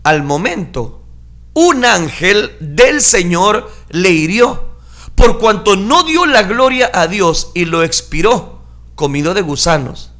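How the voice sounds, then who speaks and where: A male preacher retells scripture dramatically in his sermon, moving between calm explanation and loud acted outbursts, shouting the lines of the crowd. His voice sits high and he speaks slowly.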